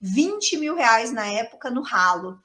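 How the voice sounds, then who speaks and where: High-voiced chatty woman teacher. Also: very animated, a little slow, bright, forceful tone. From Brazil. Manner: chatty, emphatic, repeats key words. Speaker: English teacher. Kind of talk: casual video lesson.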